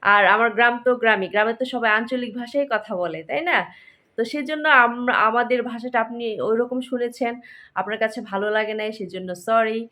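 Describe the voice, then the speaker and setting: A woman vlogger speaks with a Narsingdi Bengali accent in a slightly high voice. She chats casually and apologetically to her viewers, mixing English words into her talk. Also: a little fast, bright, forceful tone. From Narsingdi, Bangladesh. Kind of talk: casual vlog chat to viewers.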